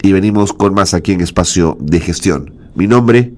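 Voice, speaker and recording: A man hosts a studio radio talk program with a hoarse, rough edge on his fairly low voice. He speaks formally and warmly to his listeners, filling his pauses with drawn-out "eh" sounds. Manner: formal, welcoming, with frequent "eh" fillers. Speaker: radio show host. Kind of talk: radio talk show hosting.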